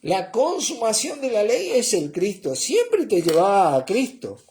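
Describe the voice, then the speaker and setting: Slow, lively-voiced male preacher. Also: high-pitched, a little hiss or hum. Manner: slow and explanatory, often checking with "¿eh?" and "¿mm?". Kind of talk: sermon.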